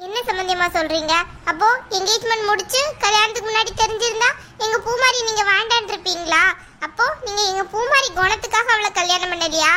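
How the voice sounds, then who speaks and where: A woman's voice: extremely high pitch, quick pace, background noise. A woman voicing a worried middle-aged mother of the bride in a cartoon, pleading and plaintive. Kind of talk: cartoon voice acting.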